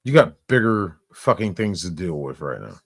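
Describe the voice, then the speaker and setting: A man with a low, deep voice delivers crude, sarcastic commentary, openly mocking what he reacts to. His delivery is lively, leaping up and down in pitch. The sound is dry and close, with no room around it. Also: normal speed, creaky, no room sound.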